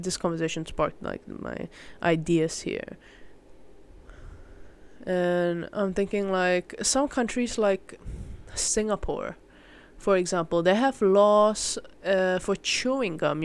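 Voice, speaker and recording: Clean in tone and mid-range in pitch, a young adult from Malaysia chats alone as a podcast host. The talk is informal and meandering, frequently stopping and starting again, sprinkled with mild slang.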